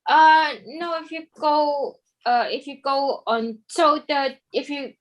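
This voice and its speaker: Over a video call in an online study group, a woman with a high-pitched voice patiently explains a coding question at a slow pace, using casual fillers. The recording is rough.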